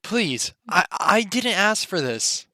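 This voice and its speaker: A desperate teenage girl, read by a performer pleads and apologizes, her voice rising and falling in lively swings. It is a close, dry read from a live-streamed script read-through. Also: mid-range voice, slow pace, no room sound, heavily acted. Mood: remorseful.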